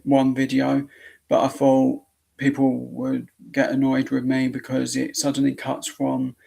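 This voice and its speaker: A man chatting casually to viewers on a live stream, his voice going hoarse, speaking haltingly with frequent restarts. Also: medium pitch, low-quality recording.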